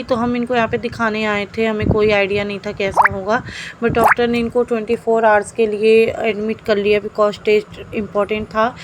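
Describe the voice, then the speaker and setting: A woman's voice: medium pitch, slight background noise. A young woman vlogger chatting casually to her viewers in a rambling way, often slipping in English words. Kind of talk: casual family vlog chat.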